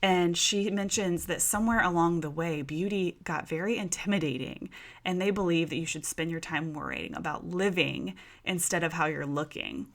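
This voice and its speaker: A woman's voice: on the low side, lively intonation, moderate pace, gravelly. A woman, hosting a casual solo podcast and chatting informally to listeners. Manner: chatty and informal, addressing listeners as "you guys" and "y'all". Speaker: podcast host.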